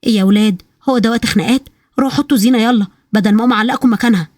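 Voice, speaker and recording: A woman's voice: a little high, racing, darkish tone, no echo, close to an everyday voice. A woman voicing a loving but bossy older grandmother with an Egyptian accent, teasing and commanding her family.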